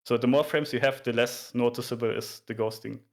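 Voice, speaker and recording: Man casually explaining, with halting delivery. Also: mid-range voice, fairly even intonation. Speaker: explainer of video game graphics.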